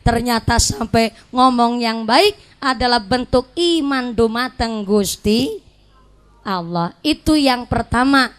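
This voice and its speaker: High-voiced woman preacher with ngapak accent. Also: slow pace. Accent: Banyumasan (ngapak). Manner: lively storytelling, mimics voices and mixes local dialects for jokes. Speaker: female Islamic preacher. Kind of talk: humorous sermon to a congregation.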